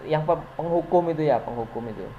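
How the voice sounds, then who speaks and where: Speaking fast in a slightly high voice, a man presents informally to other teachers, sounding chatty yet hesitant, full of fillers and little laughs. The lo-fi recording is dull, with faint noise.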